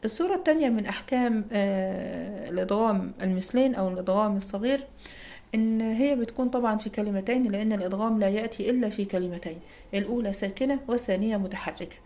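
A recitation teacher with an Egyptian Arabic accent delivers an explanatory lecture in a mellow, medium-pitched voice at a rapid-fire pace. She checks in with her audience and answers the questions she raises herself.

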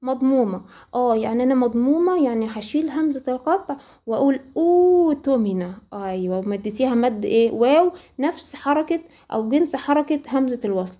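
A woman with an Egyptian accent teaching a Quran recitation lesson, asking questions and then answering them, and slowly reciting the examples. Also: high-pitched, expressive, lo-fi sound. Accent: Egyptian Arabic. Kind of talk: tajweed lesson.

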